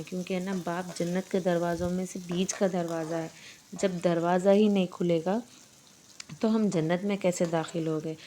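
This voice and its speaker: A middle-aged woman narrates her home vlog, slipping into soft religious advice. Her voice sits low and mellow and barely rises or falls. A faint hum of background ambience stays under her. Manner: gentle, repetitive, instructive. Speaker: vlogger.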